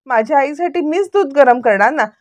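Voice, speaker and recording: A stubborn, sharp-tongued young woman from a TV serial, quoted by a woman telling the story. She pleads and insists that she gets her way. Her voice is fairly high and sits dry and close to the mic. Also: animated, moderate pace, no echo. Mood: insistent.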